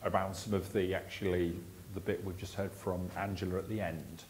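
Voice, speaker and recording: A man chairing a discussion panel, calmly passing the floor to speakers. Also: low voice, moderate pace, slight background noise, rough recording.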